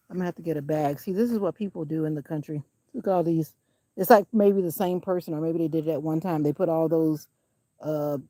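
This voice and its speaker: A woman's voice: on the low side, dark tone, dry recording, low-quality recording. A woman chatting casually while walking a country road, out of breath, filmed on a handheld camera. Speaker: vlogger.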